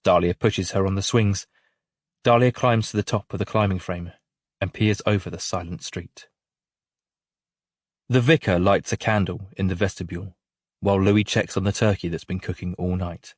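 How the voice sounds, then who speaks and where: A man with a fairly low voice reads a novel in a calm, measured way, letting his level sink softly at quiet moments. He sits close to the mic in a dry, deadened booth with no room sound around him. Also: no room sound. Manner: calm, measured, gentle storytelling with soft drops in volume. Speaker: audiobook narrator. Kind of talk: scripted narration of a novel.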